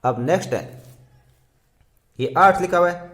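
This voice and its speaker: Man teaching kids math, slow and patient, counts everything out loud. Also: sits high, animated. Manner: counts aloud slowly, repeats each step. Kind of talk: slow step-by-step math lesson.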